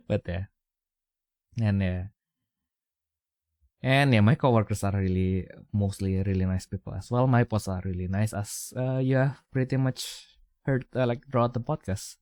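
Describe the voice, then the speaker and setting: A man's voice: fairly low pitch, unhurried, long pauses, a little mellow, dry recording, clean studio sound. A young man with an Indonesian accent chatting casually as a podcast co-host, rambling through fillers and restarts. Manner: rambling, many fillers and restarts, chuckles often.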